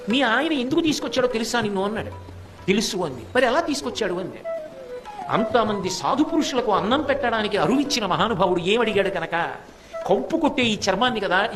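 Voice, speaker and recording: An older man giving a devotional discourse. He speaks straight to his listeners and tells a story, acting out its dialogue in changing voices. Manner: addresses listeners directly, acts out quoted dialogue with shifts in pitch. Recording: clear music bed under the voice.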